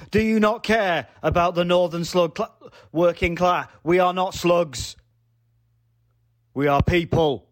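A man playing an indignant male caller from the north, ranting in rapid questions. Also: sits high, natural voice.

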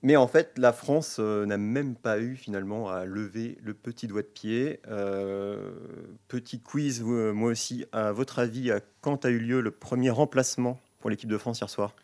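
A man's voice: medium pitch, moderate pace, few pauses, darkish tone. A man appearing as a guest pundit on a sports podcast, complaining in a gloomy, dramatic way with stammering restarts. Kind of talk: casual sports podcast banter.

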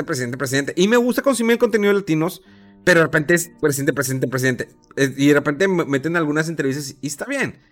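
Slangy Mexican man, high voice. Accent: Mexican Spanish. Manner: animated, slangy, mocking impressions. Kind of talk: casual opinion chat.

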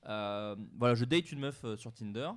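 A young man telling an animated anecdote in casual chat, acting out the quotes and laughing often. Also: mid-range voice, moderate pace, clean tone.

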